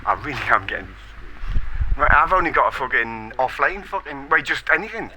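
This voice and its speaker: A man's voice: mid-range voice, lively intonation, fairly quick, pushed and bright, slight background noise. A man doing casual live-stream commentary on an online racing league, swearing a lot, laughing often and rambling. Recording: music playing behind the voice.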